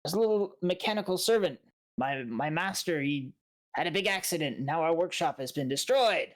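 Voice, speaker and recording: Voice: mid-range voice, animated, normal speed. A game master voicing a small mechanical servant construct, talking in a tinny, metallic little voice, meek and stammering. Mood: earnest. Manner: hesitant, apologetic, stammering.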